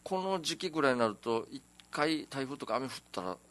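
A man co-hosting a talk show, speaking quickly with a bright, ringing tone. His pitch swings around a lot as he chats, and he presses hard on his points. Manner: animated, emphatic. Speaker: radio show co-host. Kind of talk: casual chat.

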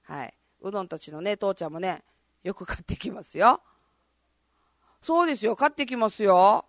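A woman with a hoarse, gravelly voice, hosting a casual, chatty live radio show and talking to her listeners. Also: mid-range voice, very animated, moderate pace, no echo, studio quality. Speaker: radio host. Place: radio studio, live broadcast.

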